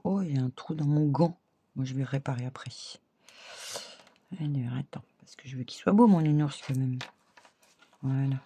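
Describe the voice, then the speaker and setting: A woman's voice: a bass voice, creaky, warm tone, a little hiss or hum. A middle-aged woman hosting a casual craft tutorial, chatting with viewers as she works. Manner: chatty, laughs often, addresses viewers directly.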